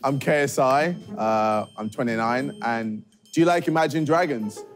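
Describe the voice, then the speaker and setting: A man's voice: medium pitch, moderate pace, faint music behind. A British man in his twenties telling crude jokes on a dating game show. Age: 20s.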